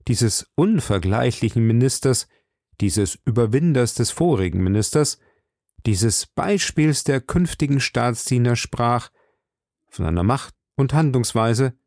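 A man narrating a literary audiobook with measured, storytelling pacing. His voice is gravelly and sits at an ordinary male pitch. The recording is close and dry. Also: darkish tone, dry recording.

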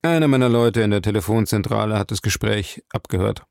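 A man's voice: on the low side, fairly quick, creaky, darkish tone, dry recording, clean studio sound. A man voicing a blunt, interrogating male police captain in an audiobook. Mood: stern.

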